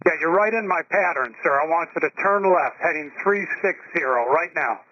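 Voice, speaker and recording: A man working as an air traffic controller, giving insistent, somewhat halting instructions to pilots over the radio. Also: a little high, no room sound. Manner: insistent, halting with repeated starts. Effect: radio transmission. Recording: dry, muffled radio transmission.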